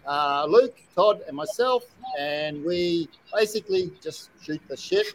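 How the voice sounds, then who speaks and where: An Australian man hosts a casual live chat show. His voice sits on the higher side for a man. He is recorded in a shed, with some background noise around him. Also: low-quality recording. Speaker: host of an online group chat show.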